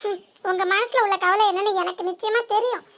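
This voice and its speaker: Cartoon: a woman as a giggly, sharp-tongued young village woman with a southern Tamil Nadu accent and a very high voice. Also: steady tone. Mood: knowing. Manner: mocking, quick-witted, giggly. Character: teasing young village woman, playful joker. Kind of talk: village cartoon comedy dialogue.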